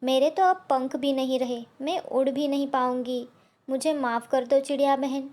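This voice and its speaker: A selfish female crow from a cartoon story speaks in a high, sharp, bossy voice, as a woman reads her part. Her tone stays pushy and scheming. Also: steady tone, normal speed, natural voice. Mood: remorseful.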